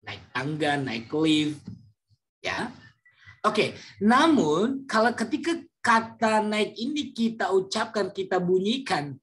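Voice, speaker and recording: A man teaching a class, explaining slowly with many fillers and sometimes acting out example words loudly. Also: sits high, sing-song. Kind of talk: classroom lecture.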